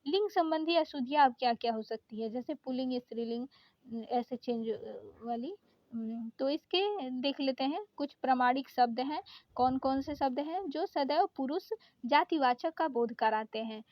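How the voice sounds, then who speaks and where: A woman's voice: sits high, expressive, no echo, dull audio. A woman teaching an exam-prep grammar lesson, reading out lists of words one by one with frequent hesitations. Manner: reads out word lists with many pauses and "अ" fillers.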